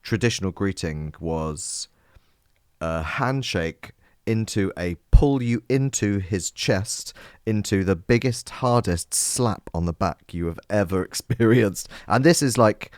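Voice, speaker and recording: A man co-hosts a music podcast, chatting casually and playfully, joking around and rambling with plenty of fillers. His voice is on the low side and slow, with clean studio sound and no room sound.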